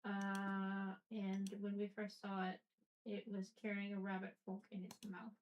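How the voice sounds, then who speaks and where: Halting woman tabletop player. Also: medium pitch, completely flat delivery, a little hiss or hum, low-quality recording. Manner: halting, many "um"s, earnest. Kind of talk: tabletop game play.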